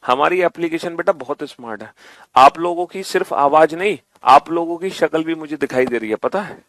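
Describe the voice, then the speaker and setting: A man with a high, ringing voice leads an online reasoning class, repeating instructions and urging students along. His voice sits close and dry, with no room around it. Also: a little fast, a bit bright, dry recording. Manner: coaxing, repetitive, calls students beta. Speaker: reasoning teacher.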